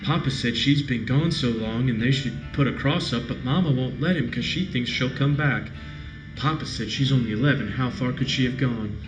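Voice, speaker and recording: A man's voice: mid-range voice, moderate pace, close to an everyday voice. Man voicing frightened little frontier girl, folksy childlike diary, game story, roomy echo, music behind. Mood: uneasy, sad. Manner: plain childlike folksy phrasing. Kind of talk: game diary read aloud.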